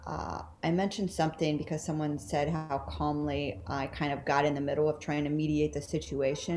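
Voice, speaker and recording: Woman, low-ish voice, candid, laughs a lot, animated family quotes. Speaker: interview guest. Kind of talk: casual conversation.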